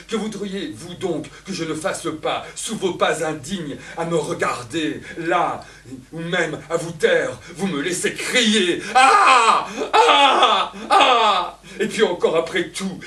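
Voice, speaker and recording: A man's voice: fairly high pitch, fairly bright tone, pitched above the performer's own voice. A man playing Elvire, a scorned and desperate woman in love, declaiming in impassioned outbursts on a theatre stage. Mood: raging. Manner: impassioned, cries out in long outbursts. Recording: echoey theatre, voice from far off.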